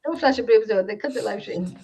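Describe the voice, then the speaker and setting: Her voice runs on the high side, fairly quick with vocal fry, and a crowd can be heard behind her. She's a giggly, chatty, self-deprecating podcast co-host from Ireland, talking on a live stream through a home computer mic over a video call, captured as dull lo-fi audio.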